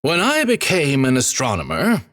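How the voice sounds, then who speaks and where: A man doing an eager, bright-voiced priest. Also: mid-range voice, huge pitch swings, normal speed, voice pushed up. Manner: eager, exclaiming, encouraging. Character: middle-aged priest-astronomer, eager and earnest.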